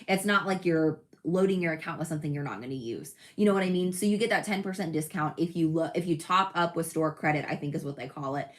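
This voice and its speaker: Chatty, fairly low-pitched woman streamer. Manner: chatty, self-correcting, laughs at own slips. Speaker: crafting channel host. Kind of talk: casual livestream chat.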